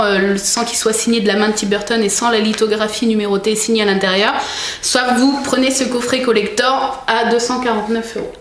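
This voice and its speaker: A young woman chatting casually in a vlog, showing things to the camera with many fillers and restarts. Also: fairly high pitch. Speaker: vlogger. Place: room at home. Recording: echoey room with faint noise.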